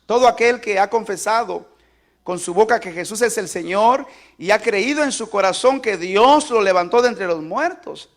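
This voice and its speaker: A man's voice: high voice, moderate pace. A man preaching a sermon as pastor, emphatic, asking the congregation to repeat lines aloud with him. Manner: emphatic call-and-response preaching.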